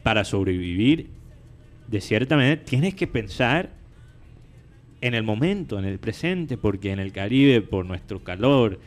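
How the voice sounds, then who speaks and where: A man's voice: lowish voice, lively intonation, measured pace, soft background music. A man who is a native English speaker hosts a casual discussion in Spanish, searching for words and repeating phrases as he argues. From United States. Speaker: show host.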